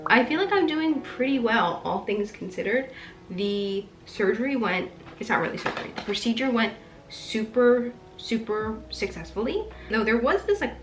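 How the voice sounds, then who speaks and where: A woman's voice: mid-range voice, low-quality recording. A woman in her twenties chatting casually to her vlog audience in informal, youthful slang.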